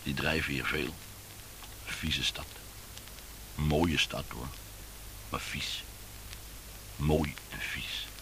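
A man's voice: extremely low pitch, extremely slow, vocal fry, long pauses, background noise, exaggerated voice. A man voicing a rambling, thirsty man of about fifty who mumbles as he talks, in a read-aloud story. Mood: wistful. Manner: mumbling, wandering talk.

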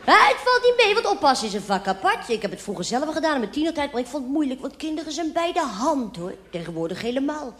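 High-voiced cabaret woman. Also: very animated, fast, hardly any pauses, a little hiss or hum. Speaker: cabaret performer. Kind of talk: cabaret monologue and song. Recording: echoey stage with loud music.

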